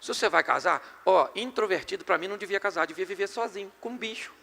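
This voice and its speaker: High, gravelly pastor preaching in a hall. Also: male voice, fast talker. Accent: Brazilian Portuguese. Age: middle-aged. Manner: animated, joking with the congregation. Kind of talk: sermon on marriage and communication. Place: church hall before a live congregation. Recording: long hall reverb.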